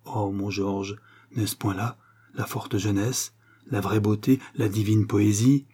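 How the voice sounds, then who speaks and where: A man reading an audiobook, voicing a tearful and passionately loving young wife with raised pitch and breathless whispered phrases. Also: fairly even intonation, slow, mellow, husky.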